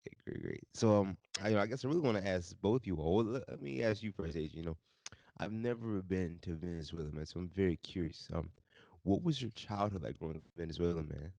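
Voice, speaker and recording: A man's voice: low-pitched, animated, fast talker, gravelly, a little mellow, dry recording. A man hosting a podcast, interviewing guests over a video call in a laid-back, casual way.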